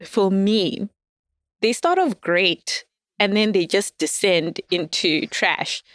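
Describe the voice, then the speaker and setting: Laughing frequently and telling lively stories, a female audio fiction writer chats casually as a guest on a podcast interview. Her voice is medium in pitch, a bit bright, and slow-paced, with no echo.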